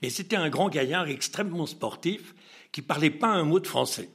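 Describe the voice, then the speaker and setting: As an interview guest, a man tells an anecdote in a slightly high, husky voice at normal speed. He's a lively storyteller who acts out the dialogue, laughs often, and hesitates and restarts.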